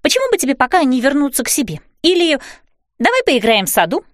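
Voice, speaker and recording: A panicky seven-year-old girl from a storybook speaks in a high, urgent voice, as a woman reader puts her on. Her pitch rises and swoops, and the sound is dry and close-miked. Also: sing-song, fast, no room sound. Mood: evasive.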